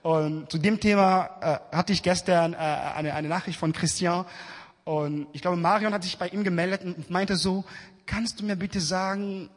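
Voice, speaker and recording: A man from Cameroon preaching a lively sermon at a church service, acting out the voices he quotes and adding humorous asides. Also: high voice, normal speed. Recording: long reverb of a church hall.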